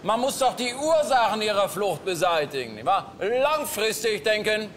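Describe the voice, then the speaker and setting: A man's voice: sits high, sing-song, moderate pace, fairly bright tone, slight background noise. A man playing a smug male cruise passenger who talks in a pompous, lecturing way.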